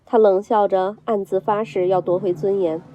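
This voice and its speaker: A woman narrating a film recap in a brisk storytelling delivery, reading a script. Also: mid-range voice, steady tone, warm tone, lo-fi sound, soft background music.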